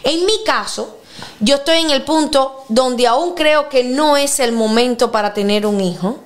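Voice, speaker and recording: A woman in her thirties with a high voice talks casually as a podcast host. She tells personal stories with energy and jumps up in pitch when she acts out what people said. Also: unhurried. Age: 30s. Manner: lively storyteller, acts out quotes with big pitch jumps. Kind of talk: casual chat.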